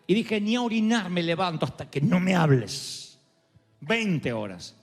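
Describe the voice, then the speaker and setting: Man preaching, high-pitched, passionate, long hall reverb, faint music. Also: lively intonation, measured pace. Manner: passionate storytelling, building to shouting. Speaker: pastor. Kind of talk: sermon.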